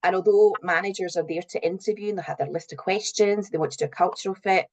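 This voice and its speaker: A middle-aged woman who works in recruitment and HR appears as a guest in a conversational interview, giving earnest, explanatory answers. Her voice is on the low side, a little mellow, and she speaks fast.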